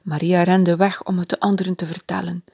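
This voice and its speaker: A woman reading a children's Bible story aloud in a gentle, expressive way. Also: fairly low pitch, a little fast, breathy edge, no echo, studio quality.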